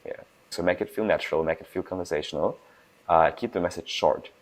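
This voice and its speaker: A young man from Germany, a startup founder giving casual interview answers, talking fast with restarts and emphasis. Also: low-pitched, poor audio. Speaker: guest, food startup founder.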